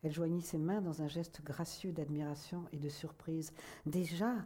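A woman reading a literary novel aloud in a measured, soft manner that at times sinks to a whisper. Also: low voice, little pitch movement, slightly rough. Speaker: audiobook reader. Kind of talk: literary audiobook narration.

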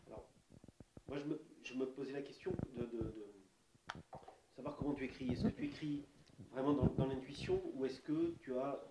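A man interviewing an author, asking his question hesitantly with many fillers and restarts. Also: medium pitch. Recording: roomy, noisy, distant mic.

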